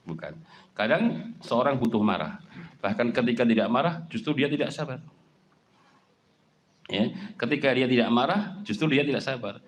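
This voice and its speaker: A man preaching an Islamic sermon in a conversational way, often dropping in "ya" and pushing his voice higher and louder to stress a point. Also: expressive, normal speed, long pauses. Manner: conversational, frequent filler "ya", voice jumps high and loud when stressing a point.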